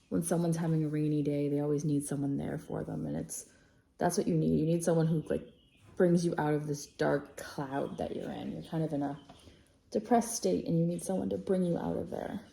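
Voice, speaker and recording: A woman with a low, gravelly voice gives a casual tarot reading to camera. Her tone is mellow and dark. She rambles, corrects herself and stops to apologize as she checks her notes. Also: echoey room. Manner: chatty, rambling, self-correcting; reads from notes, apologizes often. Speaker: tarot reader.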